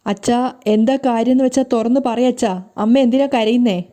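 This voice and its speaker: Young adult daughter voiced by a woman, emotional, pleading, slow drawn-out lines, mellow voice. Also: on the high side, natural voice. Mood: anxious.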